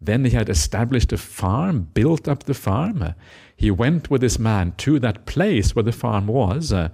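A man's voice: mid-range voice, big pitch swings, measured pace, vocal fry, breathy edge. A middle-aged man from Norway, a Buddhist monk giving a reflective Dhamma talk, often ending his points with a questioning "eh?". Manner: reflective, tags lines with a questioning "eh?"; gentle laughter, hesitant fillers.

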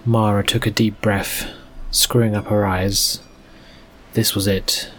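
A man narrating a fantasy story in a steady storytelling manner and reading out game stats. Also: fairly low pitch, slow, soft background music.

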